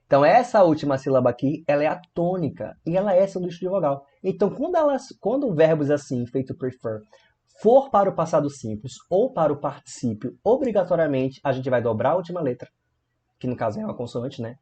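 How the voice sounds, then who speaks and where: A man's voice: fairly high pitch, fairly quick, husky. A man from Brazil teaching a grammar video lesson, explaining playfully and asking his viewers questions as he goes. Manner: lively, playful storytelling with rhetorical questions. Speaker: English teacher.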